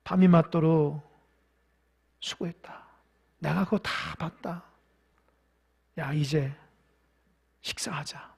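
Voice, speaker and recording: A male preacher voicing Jesus as a gentle, forgiving man who speaks softly, often close to a whisper, within a sermon. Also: high-pitched, big pitch swings, moderate pace, long pauses, heavily acted. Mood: tender. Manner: hushed, tender, often near a whisper.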